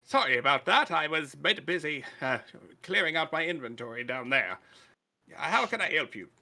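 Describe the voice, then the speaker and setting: Guy doing a brisk little gnome shopkeeper, proud of his gadgets, bright voice that bounces around. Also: a little high, expressive, creaky, heavily acted. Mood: cheerful. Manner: brisk, businesslike haggling.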